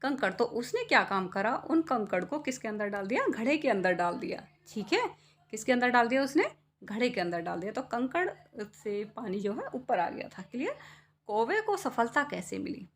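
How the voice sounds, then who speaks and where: Woman teacher w/ a highish voice, patient, keeps asking the kids stuff then answers it herself. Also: very animated, moderate pace. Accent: Hindi. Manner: patient, asks questions and answers them herself. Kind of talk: classroom lesson explaining a poem.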